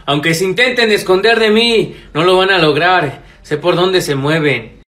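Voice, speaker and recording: A man voicing a scheming, gloating villain in a comedy skit, loud and taunting. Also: high voice, moderate pace. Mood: menacing.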